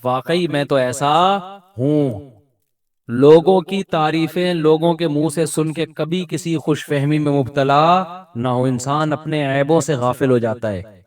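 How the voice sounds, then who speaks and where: High-voiced Pakistani man giving a sermon. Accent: Pakistani Urdu. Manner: conversational, acts out quoted people. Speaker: Islamic scholar. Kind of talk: religious sermon.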